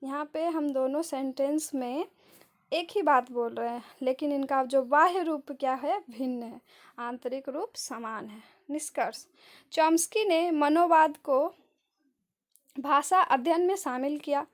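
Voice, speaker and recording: High-voiced woman teaching in a questioning style. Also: measured pace. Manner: asks rhetorical questions and answers them herself; explains with example sentences. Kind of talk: exam-prep lecture on linguistics.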